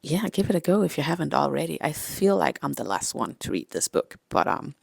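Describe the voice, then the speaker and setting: A woman's voice: deep voice, big pitch swings, brisk, gravelly, husky, dry recording. A woman chatting casually in a book vlog, self-deprecating and apologetic, filmed on a phone held at arm's length at home without an external mic. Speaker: book vlogger. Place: home, indoors.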